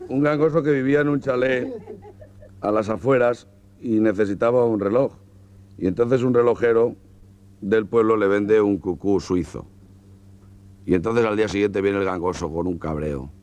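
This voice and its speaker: Chatty joke-telling man, low voice. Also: normal speed, pauses often, a little mellow, clean tone. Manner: chatty, laughing storyteller. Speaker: comedian.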